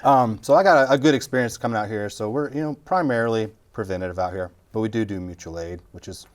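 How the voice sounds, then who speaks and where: A man's voice: on the low side, fast, slight background noise. A middle-aged man, a fire captain joking through a casual interview. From Texas Panhandle. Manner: joking, self-deprecating, talks while chewing.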